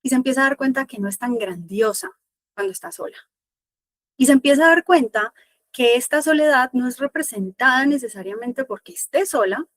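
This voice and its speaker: A woman spiritual teacher telling a parable in an online masterclass, slow and reflective, repeating phrases for emphasis. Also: high-pitched, no echo.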